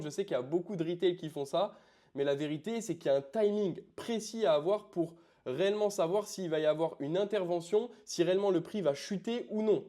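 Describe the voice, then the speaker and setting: A forex trading educator with a high-sitting, mellow voice walks the viewer through a trading strategy casually, pointing at charts as he goes. He's informal, addresses the viewer as "tu," and sprinkles in plenty of fillers like "du coup."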